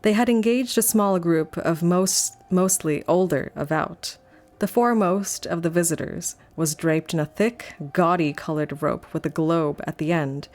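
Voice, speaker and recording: A woman reading a sci-fi novel aloud on a live stream, her voice sitting a little low. She moves easily between steady narration and chatty, rambling asides full of "like". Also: unhurried.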